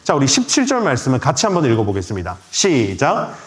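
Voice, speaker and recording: Lively-voiced Korean male pastor preaching. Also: quick pace. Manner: questions the congregation and answers himself; acts out quoted voices with big pitch swings. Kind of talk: sermon. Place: church sanctuary.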